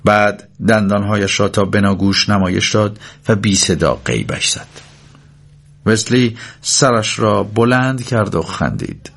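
A man reading literary fiction aloud as a steady, measured audiobook narrator. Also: fairly low pitch, vocal fry.

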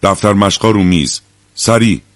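A man's voice: on the low side, dry recording, lightly acted. A man voicing a strict, angry male school principal who barks orders at his class. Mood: stern scolding. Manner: barking, scolding orders.

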